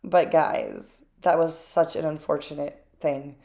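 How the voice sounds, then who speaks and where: With a mellow, slightly low voice that barely moves in pitch, a talkative woman narrates her craft project as a voice-over. She's candid and unscripted, slipping into little asides and ums the way a host chats with familiar viewers.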